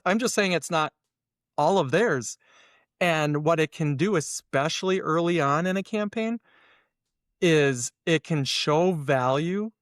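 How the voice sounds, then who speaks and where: An SEO consultant, appearing as an interview guest, talks in a somewhat high voice over clean studio audio with no room sound. He's casual and strongly opinionated, an animated explainer who acts out imagined back-and-forth dialogue to make his points.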